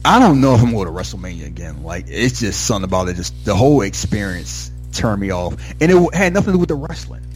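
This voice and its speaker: Low male voice, casual podcast co-host, candid and animated, light music bed. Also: quick pace, few pauses. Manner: animated, candid, swears freely. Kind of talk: casual storytelling chat.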